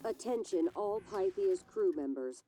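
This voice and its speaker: A woman voicing an official station announcer giving an emergency broadcast over a ship loudspeaker in a game. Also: medium pitch, expressive, unhurried, poor audio. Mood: urgent, formal. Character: calm female station announcer, official and steady. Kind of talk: game voice acting.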